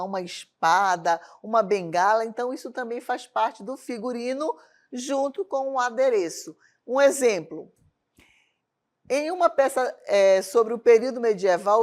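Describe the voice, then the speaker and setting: A woman teaching a televised arts lesson, often checking in with the class through rhetorical questions. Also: fairly high pitch. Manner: asks rhetorical questions to the class, tag questions like "certo?". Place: lesson studio with a loom as a prop.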